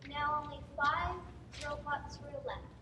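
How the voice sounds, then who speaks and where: High-voiced woman reading a story on stage. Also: measured pace. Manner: expressive, trading lines with a partner. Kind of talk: live dramatic reading. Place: stage in a hall. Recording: echoey hall from far off, noisy.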